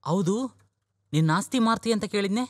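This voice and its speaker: An actor dubbing a firm but caring elder brother who talks insistently in a dubbed film. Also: male voice, high-pitched, a little fast, no room sound, clean studio sound, lightly acted.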